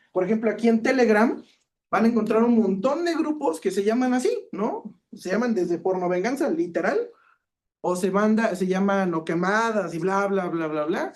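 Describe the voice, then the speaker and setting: A man with a Mexican Spanish accent, a cybersecurity expert giving a talk and telling case stories, acting out the dialogue as he goes. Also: sits high. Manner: lively storyteller, acts out quoted dialogue. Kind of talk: conference talk with anecdotes.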